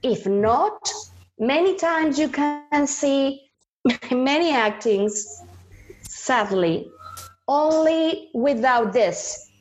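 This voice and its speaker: A Mexican Spanish-accented woman, a native Spanish speaker, talks very slowly in a high, lively voice with a darkish tone. She's an actress being interviewed on a podcast, groping for English words and drifting into Spanish. The audio has its highs cut off and carries a little hiss or hum.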